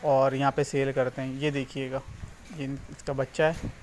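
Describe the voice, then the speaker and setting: A man's voice: mid-range voice, little pitch movement, moderate pace, noisy background. A man, hosting a casual farming vlog as he walks through an open cattle shed and points things out to his viewers. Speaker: farming channel host. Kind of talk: casual walking tour vlog. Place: outdoors on a road, then inside an open-sided cattle shed.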